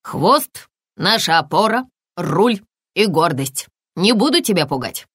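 Brief: a low-voiced woman as a wise woodpecker, measured and firm. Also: very animated, a bit bright, breathy edge, no room sound, clean studio sound, heavily acted.

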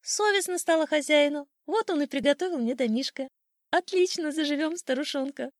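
A woman voicing a cocky, boastful old male sparrow in a storybook tale, shrill and teasing. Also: fairly quick, dry recording, studio quality, lightly acted. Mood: boastful chirpy.

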